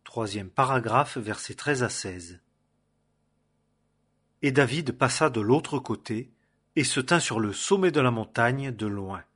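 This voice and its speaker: A man reading scripture aloud in a measured way, announcing paragraphs and verses. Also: medium pitch, animated, a bit bright, slightly rough. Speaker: scripture reader.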